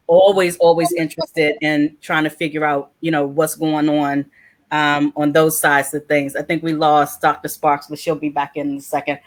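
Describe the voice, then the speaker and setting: A woman from Washington, D.C. hosting a casual panel chat, telling stories and acting out the quotes in them. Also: deep voice. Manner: animated storyteller, acts out quotes. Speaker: host.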